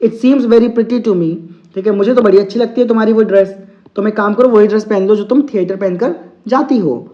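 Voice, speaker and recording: A male teacher reads a story aloud slowly and explains it, checking in often with his listeners. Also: high-pitched. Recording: dull lo-fi sound.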